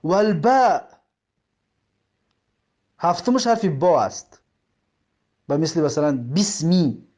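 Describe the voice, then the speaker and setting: Male teacher with a Tajik accent, fairly high and very lively pitch, patient and repetitive grammar explanations. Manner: explains step by step, repeating terms and examples; reads the Arabic text slowly, word by word. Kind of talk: religious grammar lesson.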